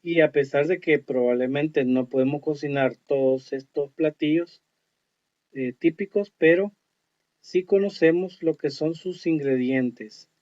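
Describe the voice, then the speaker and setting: Slow-talking male English teacher. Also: fairly high pitch, darkish tone. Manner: slow, explanatory, reads English words carefully. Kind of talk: online lesson narration. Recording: dull lo-fi audio.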